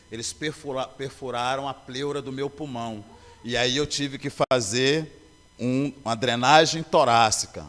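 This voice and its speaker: A man's voice: mid-range voice, fairly bright tone. Earnest man testifying in an echoing church. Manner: earnest storytelling, acting out dialogue. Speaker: church member giving testimony. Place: church sanctuary. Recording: long church hall reverb.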